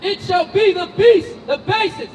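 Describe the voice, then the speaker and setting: High-voiced man reading scripture aloud. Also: measured pace, far from the mic, slight background noise. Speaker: scripture reader.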